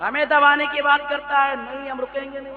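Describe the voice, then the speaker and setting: A man preaching a fiery sermon, declaiming verse and rising into shouts. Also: extremely high pitch, level tone, fairly quick, phone-quality sound. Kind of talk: fiery sermon with recited poetry. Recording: live crowd behind.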